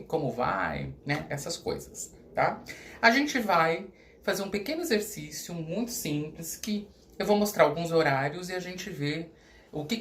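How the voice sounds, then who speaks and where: A middle-aged Brazilian man, a school coordinator, giving a recorded video lesson in a lively teacher's manner, slowing right down to model each word and often checking in with his listeners. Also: fairly high pitch. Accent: Brazilian Portuguese. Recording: echoey room.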